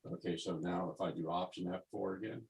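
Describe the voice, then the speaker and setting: A man's voice: deep voice, little pitch movement, fairly quick, creaky, darkish tone, husky, poor audio. A man on a video call, hesitant and stumbling as he asks for help with his setup. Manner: hesitant, stumbling over words. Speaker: workshop participant. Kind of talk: casual video call question.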